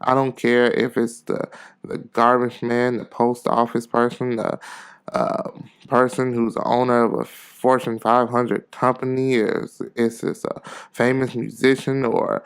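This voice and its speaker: A podcast host getting over a cold speaks with a stuffy, congested nose in an earnest, casual, rambling motivational way, repeating phrases for emphasis. His mid-range voice is clear and resonant, delivered flatly at a measured pace.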